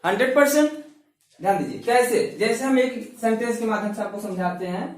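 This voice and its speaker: A man's voice: high-pitched, fairly quick. Man, grammar teacher, asks and answers his own questions, heard from across the room. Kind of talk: classroom lesson explaining articles. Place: classroom. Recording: very echoey room, voice from far off.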